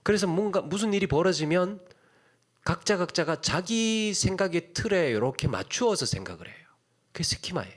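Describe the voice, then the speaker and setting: A male pastor delivers a sermon in a church in an easy, conversational way, turning to the congregation with questions. His voice sits a little high and moves animatedly through a wide range, and he restates phrases as he builds a point. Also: sing-song, moderate pace.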